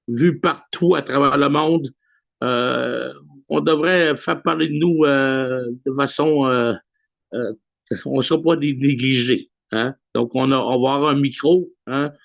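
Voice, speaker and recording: Speaking live and casually on his weekly video call, a Québécois-accented man takes his time, with frequent pauses and filler noises. His mid-range voice carries vocal fry. The sound, picked up by a computer microphone, is dry, dull and lo-fi.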